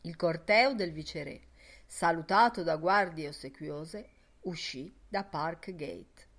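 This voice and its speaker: A woman narrating a literary audiobook with an expressive, measured reading. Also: low voice. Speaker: audiobook reader.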